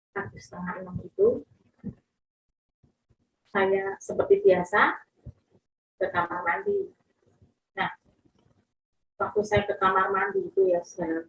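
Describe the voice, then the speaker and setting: A woman's voice: on the high side, gravelly, a bit bright. Emotional woman giving a testimony, echoey room. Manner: emotional, addresses listeners as "saudaraku". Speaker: testimony speaker. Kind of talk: personal testimony.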